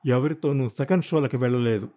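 A weary, exasperated husband, read by a male narrator in a storybook reading, firing back with sharp, defensive retorts. The voice stays mellow and warm, at an ordinary middle pitch. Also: a little fast, close to an everyday voice. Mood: shouting. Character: exasperated husband, a company boss, worn out. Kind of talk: audiobook character voice.

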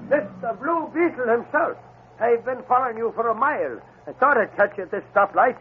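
A gruff beat cop. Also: male voice, very high voice, expressive, brisk, narrow, tinny audio. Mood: triumphant. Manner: gruff, bossy. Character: tough male police officer. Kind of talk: 1940s radio acting. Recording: scratchy old radio recording.

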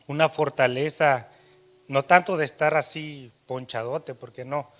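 A man preaching a sermon, telling a personal story, his voice rising louder and dropping soft. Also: mid-range voice, fairly even intonation, takes it slowly.

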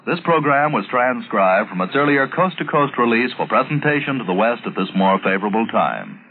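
A man's voice: medium pitch, big pitch swings, brisk, slight background noise. A man giving a formal network sign-off, heard from an old broadcast disc. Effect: old broadcast disc sound. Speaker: station announcer. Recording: tinny, distant old radio transcription.

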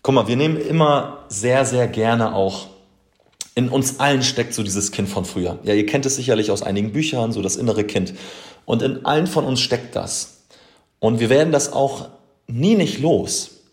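A man's voice: medium pitch, moderate pace, roomy sound. A man who works as a coach, talking earnestly and emphatically to his podcast listeners, addressing them directly and mixing in English phrases. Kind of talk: motivational podcast talk.

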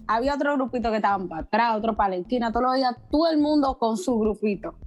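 A woman's voice: a little high, quick pace, highs cut off, faint music behind. A young woman, chatting and reminiscing casually as a student podcast guest. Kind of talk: casual chat.

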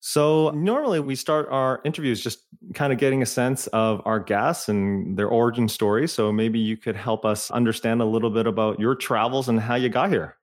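A man's voice: medium pitch, moderate pace, few pauses. A man hosting a podcast interview, talking in a friendly, conversational way. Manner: friendly, conversational with filler phrases. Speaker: podcast host.

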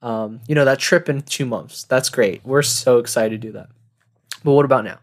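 A young man in his twenties talks through a relaxed solo podcast episode. His voice sits at a middle pitch, and he rambles and doubles back on himself. He often laughs at his own jokes. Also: normal speed. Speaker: podcast host. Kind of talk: casual solo monologue.

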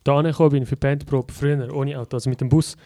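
A man's voice: mid-range voice, steady tone, very fast, warm tone, dry recording, studio quality. A young man co-hosting a podcast, rambling through chatty stories in casual conversation. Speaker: podcast co-host. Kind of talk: casual chat.

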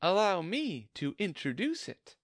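A man's voice: high-pitched, huge pitch swings, a little slow, no room sound, clean studio sound, pitched above the performer's own voice, full character voice. A man voicing a curious, fretful young girl in a storybook reading, with a prim, complaining tone. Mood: polite.

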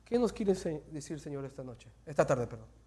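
A man preaching as pastor, swinging from loud exhortation to hushed, near-whispered asides and slipping English phrases into his talk. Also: fairly high pitch, sing-song, a little fast, breathy edge. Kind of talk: sermon.

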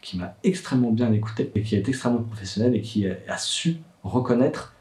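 Recorded on a distant mic in an echoey room, this medium-pitched, dark-toned young man speaks quickly in a vlog about being a worried father. He hesitates, stumbles through fillers and restarts, and gets louder when upset.

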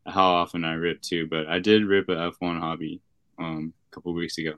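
A young man chatting casually as a podcast guest, laid-back and slangy, pausing to find his words. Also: sits low, flat delivery, a bit bright, no echo. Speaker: podcast guest, card shop worker. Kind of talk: casual chat.

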